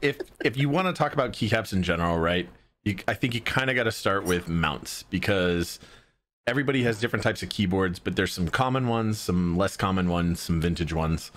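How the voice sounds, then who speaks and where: Laid-back man with a very deep voice. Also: animated, brisk, a bit bright. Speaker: podcast co-host. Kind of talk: casual chat.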